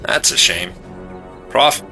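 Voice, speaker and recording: A man's voice: slow pace, sharp tone. A man playing a wry, cocky veteran secret agent in a spy film. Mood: teasing. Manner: wry, teasing. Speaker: field agent. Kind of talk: scripted dramatic acting in a spy film. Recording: background music under the voice.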